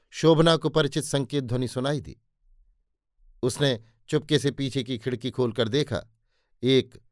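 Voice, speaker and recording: Male audiobook narrator, dramatic novel reading, medium pitch, dry close sound. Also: no echo. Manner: voices the characters' dialogue with emotion.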